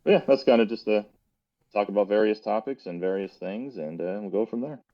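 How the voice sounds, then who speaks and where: A man's voice: fairly low pitch, fairly quick. A man co-hosting a casual podcast, speaking in a thoughtful, hedging way through a muffled microphone. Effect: muffled, dull-sounding mic. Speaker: podcast co-host. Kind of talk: casual chat. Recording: muffled lo-fi stream mic.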